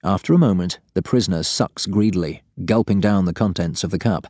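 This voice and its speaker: A man's voice: deep voice, brisk, mellow, no echo, clean studio sound. A man reading scripted fiction as an audiobook narrator.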